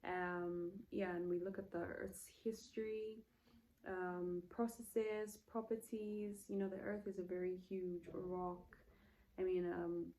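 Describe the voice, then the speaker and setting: A woman's voice: lowish voice, dark tone, poor audio. A woman in her late twenties from Zambia, chatting casually on her vlog in a rambling, self-correcting way with many fillers, while saying she feels hot in the room. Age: late 20s. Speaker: vlogger. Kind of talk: casual get-to-know-me vlog. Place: indoor room.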